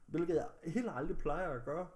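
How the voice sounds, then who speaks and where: Agitated man with a fairly high voice. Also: a little mellow. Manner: agitated, angry, heavy swearing. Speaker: vlogger. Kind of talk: recounting a personal story to camera.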